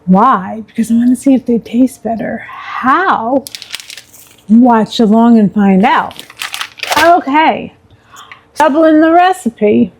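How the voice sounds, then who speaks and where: In a casual cooking tutorial, a home cook and vlogger chats while showing how she makes a recipe at home, adding small asides and talking to her pet mid-recipe in a relaxed, chatty way. Her voice is fairly high, and the recording is rough.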